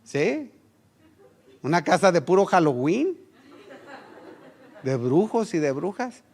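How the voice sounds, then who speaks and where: A middle-aged Mexican pastor preaches in a slightly high, gravelly voice. He speaks with a Mexican Spanish accent and tells stories with animation, putting on the voices of the people he quotes. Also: big pitch swings, takes it slowly. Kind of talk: sermon with personal anecdote.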